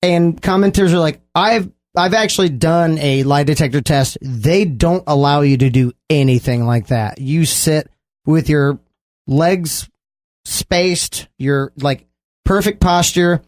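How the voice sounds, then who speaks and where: A man's voice: fairly high pitch, slow. A man in his thirties co-hosting a podcast, rambling with many fillers in casual chat. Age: 30s. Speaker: podcast co-host.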